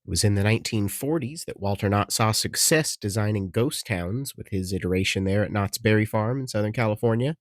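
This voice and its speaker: A young man narrating his road trip as a travel vlogger, chatty and relaxed, easily impressed by what he finds. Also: on the low side, a little fast, hardly any pauses, no echo. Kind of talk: casual travel vlog narration. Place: desert campsite and caves outdoors.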